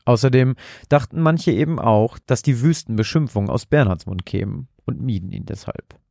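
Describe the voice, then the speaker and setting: A man reading a scripted horror story in a measured, dramatic way. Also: medium pitch, gravelly, a little mellow, no room sound, studio quality.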